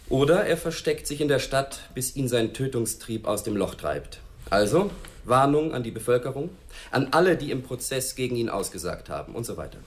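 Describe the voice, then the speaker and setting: A man's voice: medium pitch, close to an everyday voice. An actor playing a curt, sardonic police chief briefing his task force.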